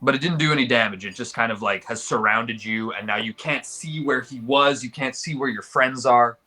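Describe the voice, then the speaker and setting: A man's voice: medium pitch, normal speed, bright, forceful tone. A man narrating a tabletop game as game master, improvising vivid descriptions in colloquial language.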